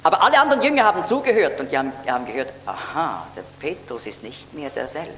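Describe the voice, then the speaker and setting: A man delivers a Bible teaching sermon in an earnest, explanatory way, his fairly high voice lifting to stress key words. The sound rings with long reverb from a large hall, and a faint hum sits underneath. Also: fairly bright tone. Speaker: preacher.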